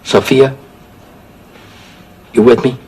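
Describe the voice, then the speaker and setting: A man playing a romantic schemer in a sitcom, with a raspy, gravelly voice. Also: medium pitch, fairly even intonation, slow pace, darkish tone. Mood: seductive.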